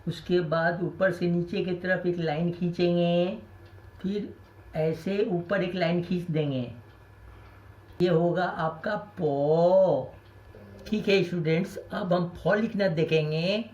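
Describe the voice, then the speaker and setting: A very slow, patient teacher, a man, spells out each letter twice so children can repeat after him. His voice is soft and mellow. The recording sounds dull and lo-fi. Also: high-pitched, fairly even intonation. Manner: deliberate, says each letter twice for pupils to copy. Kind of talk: recorded primary school language lesson.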